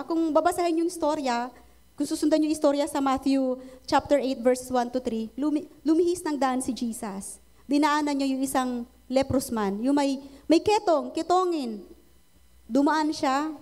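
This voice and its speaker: A woman's voice: sits high, darkish tone. A woman with a Filipino accent preaching a sermon, switching between Tagalog and English and often asking the congregation for an amen. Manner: mixes Tagalog and English, asks congregation for amens.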